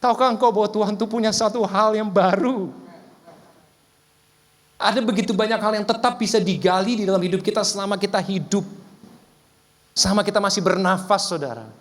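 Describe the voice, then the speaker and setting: A man with a high voice preaches a sermon in a large church hall whose long reverb trails after every phrase. He tells an emotional personal story and keeps turning to the congregation to address them directly. English phrases slip into his talk here and there. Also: a little fast, long pauses. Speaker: pastor.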